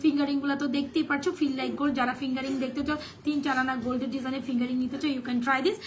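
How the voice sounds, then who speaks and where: Hoarse, fast, high-pitched Bangladeshi saleswoman. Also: flat delivery, a little hiss or hum. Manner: chatty, mixes English sales phrases. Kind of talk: live sales stream.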